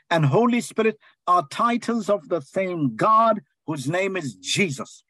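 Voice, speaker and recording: A man's voice: high voice, a bit bright, dry recording. A man preaching a sermon, calling out phrases for the congregation to repeat and stretching out key words for emphasis. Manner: call-and-response preaching, drawn-out emphatic phrases.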